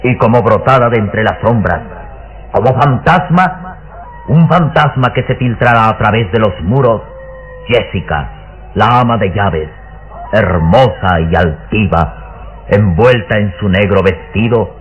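A man's voice: fairly low pitch, unhurried, lightly acted. A man narrating a gothic radio serial like an old serial announcer, solemn, theatrical and full of suspense. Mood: solemn, suspenseful. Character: grave storyteller of a gothic adventure serial. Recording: dull, noisy old radio recording.

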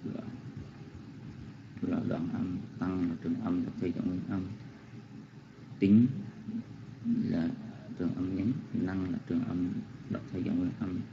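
A man reciting a Pali verse and explaining its syllable lengths in a slow, careful, deferential manner over an online call. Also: low-pitched, level tone, gravelly. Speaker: student reciting scripture. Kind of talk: chanting and analyzing a Pali verse. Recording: dull online call audio with loud noise.

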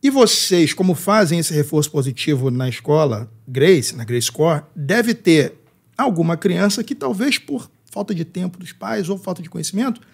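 A man's voice: on the high side, animated, moderate pace, creaky, breathy edge. A Brazilian man hosting a podcast, chatty and polite, backing up his guest with short affirmations. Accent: Brazilian Portuguese. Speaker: podcast host. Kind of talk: conversational interview.

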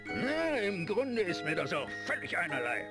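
An actor playing a grumpy, blustering old police inspector in a video game, bossy and quick to scold. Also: male voice, sits high, huge pitch swings, heavily acted. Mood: brusque, suspicious. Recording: loud music under the voice.

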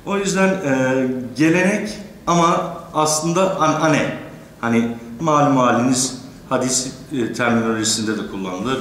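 A man of middle pitch lectures in an echoey room, with faint hum behind him. He talks hesitantly, with many drawn-out fillers. He keeps a polite tone toward the teachers listening. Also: a bit bright. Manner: courteous, addresses teachers in the audience. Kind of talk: academic lecture.

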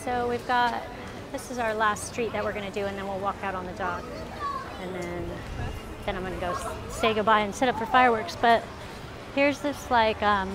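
A woman's voice: medium pitch, moderate pace. A woman giving a casual, rambling live walking tour of a waterfront village at night, filmed on her phone as she walks and often correcting herself. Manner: chatty, rambling, self-correcting. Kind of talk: casual live-stream narration. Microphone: phone held while walking. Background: loud music from bars and live bands.

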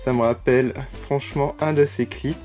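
A man's voice: medium pitch, fairly even intonation, normal speed, darkish tone. A man giving casual unboxing commentary as a toy vlogger, gushing with frequent delighted exclamations. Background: background music.

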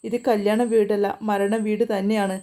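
A stern father of a traditional household, grave and accusing, voiced by a woman reading the story. The tone stays mellow and level. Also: mid-range voice, flat delivery, normal speed, close to an everyday voice. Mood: angry.

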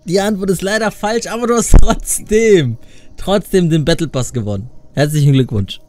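A young adult man hosting a gaming video, talking casually and playfully in youth slang with an excitable manner. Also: sits high, normal speed. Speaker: gaming video creator and host. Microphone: studio condenser microphone up close. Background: faint music.

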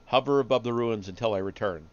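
A man's voice: mid-range voice, fast talker, clear, resonant tone, dull audio, lightly acted. A man reading aloud and voicing a wrathful male Sith lord who barks commands. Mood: commanding.

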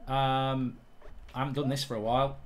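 A man chatting casually while streaming a game, reading chat aloud and shouting at his character. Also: mid-range voice, level tone, moderate pace.

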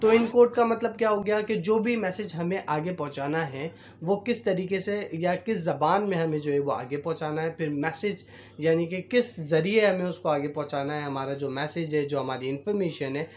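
A man teaching a lesson in a conversational way, pausing on fillers and acting out bits of quoted dialogue. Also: on the high side, a little mellow, a little hiss or hum. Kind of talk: explanatory lesson.

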